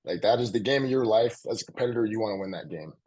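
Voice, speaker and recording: A young man who just finished playing college football speaks slowly and earnestly in an interview, holding back emotion and repeating phrases for emphasis. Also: on the low side, expressive, a little mellow, husky, rough recording. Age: young adult. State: emotional, close to tears. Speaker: college football player guest. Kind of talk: reflective interview conversation.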